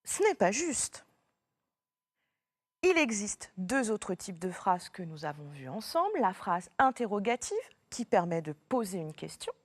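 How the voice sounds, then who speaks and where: A woman's voice: mid-range voice, very animated, moderate pace, few pauses, no echo. A woman primary school teacher giving a remote lesson to a young child, patient and encouraging as she speaks straight to the pupil.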